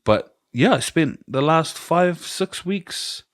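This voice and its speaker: A man's voice: a little high, animated, slow, no echo, clean studio sound. New Zealand man telling a rambling story. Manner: rambling storyteller, acts out quoted voices. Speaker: podcast host. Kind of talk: casual chat.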